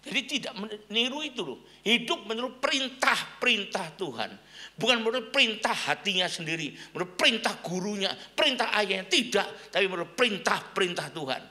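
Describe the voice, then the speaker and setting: Middle-aged man, pastor, lively high-pitched sermon delivery, asks the congregation questions. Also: a little fast. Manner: animated storytelling preacher, asks the congregation questions.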